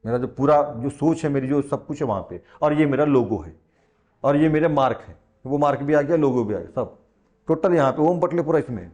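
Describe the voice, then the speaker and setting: A man's voice: fairly high pitch, expressive, brisk, a little mellow, lo-fi sound. A man teaching a science class as a tutor, chatty and teasing, talking straight to his students. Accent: Hindi. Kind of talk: classroom lesson in Hindi.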